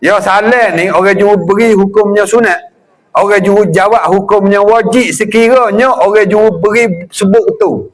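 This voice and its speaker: A middle-aged man with a Patani Malay accent giving a lively religious lecture, acting out greetings and chuckling often. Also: sits high, moderate pace. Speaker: religious teacher.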